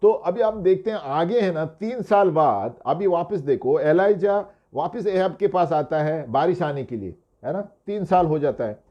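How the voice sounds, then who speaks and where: A male pastor teaches a sermon in a conversational way, often checking in with tag questions and acting out quoted dialogue. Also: on the high side. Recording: dull lo-fi sound.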